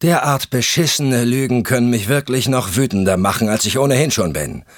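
A man voicing a furious, scornful middle-aged husband in an audiobook, loud and raised in pitch. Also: fairly quick, no echo, studio quality, natural voice. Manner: scornful, shouting.

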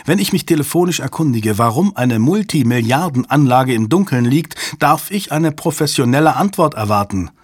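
A man's voice: mid-range voice, animated, moderate pace, few pauses, husky, no room sound, studio quality, voice pushed up. A man voicing an insistent female official who presses urgently for answers about a problem. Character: insistent female night-shift official, worried.

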